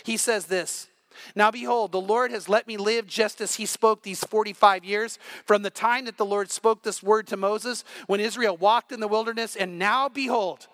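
A male pastor delivers a morning sermon with a strikingly high voice. His tone is bright and forceful, driving each point home with emphatic repetition. The sound is dry and close, with no room echo. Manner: energetic, emphatic preaching with repetitions.

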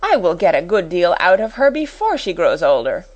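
A woman's voice: medium pitch, big pitch swings, a little slow, muffled recording. A cold and furious schoolmistress of middle age from a storybook, acted out by a woman reader. She speaks fiercely and commands without patience. Her words come edged with bitter irony.

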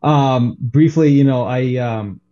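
Mellow-voiced male doctor, calmly explaining. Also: medium pitch, lo-fi sound. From Saudi Arabia. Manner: measured, explanatory, with many "you know" and "um" fillers. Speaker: pain management doctor, guest. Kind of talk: radio interview answers.

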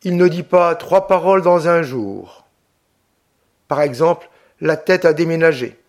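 A man's voice: fairly high pitch, a little slow, darkish tone. A man voicing a talkative, kindly woman who keeps the farm. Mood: chatty. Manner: talkative, apologetic.

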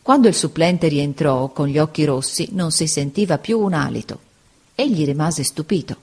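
An expressive audiobook narrator reads a classic children's novel at an average pitch. The reading is scripted and measured, and the reader acts out the characters' lines along the way. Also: slightly rough. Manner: expressive reading, voicing the dialogue.

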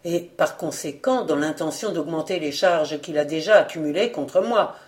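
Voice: medium pitch, normal speed, lightly acted. A reader voicing an anxious young male reporter in an audiobook, speaking in a subdued, earnest way. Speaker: newspaper reporter in a novel. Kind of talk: audiobook character reading.

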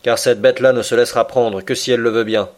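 A man's voice: medium pitch, fairly even intonation, fast, lightly acted. A man voicing a bold male harpooner who speaks bluntly and eagerly.

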